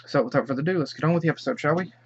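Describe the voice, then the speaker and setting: A young man sick with a stuffy head cold hosts a reaction video, his slightly high voice rapid-fire, chatty, rambling and excitable. The sound is lo-fi with a little hiss or hum.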